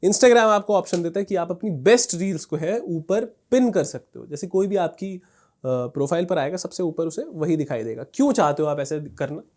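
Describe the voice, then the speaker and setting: A man with a slightly higher-than-average voice walks viewers through a tutorial on screen. He keeps it conversational, checking in often and pausing on fillers as he clicks through. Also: lively intonation, darkish tone. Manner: conversational, repeats "thik hai" and "dekhiye", frequent fillers. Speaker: instructor teaching Instagram growth. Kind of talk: casual screen-share tutorial.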